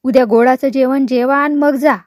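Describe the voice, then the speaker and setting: A woman's voice: high-pitched, steady tone, normal speed, darkish tone, no room sound, studio quality, natural voice. A woman voicing a teasing male attendant who mocks an old woman, in a storybook reading. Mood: mocking. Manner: mocking, teasing.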